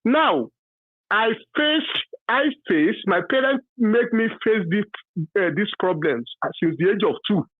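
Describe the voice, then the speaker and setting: A man in his fifties from Nigeria with a Yoruba accent, calling in to a radio talk show to give his opinion, halting and full of fillers, then emphatic. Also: sits high, lively intonation, no room sound. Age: 50s. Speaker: caller. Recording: dry tinny phone line.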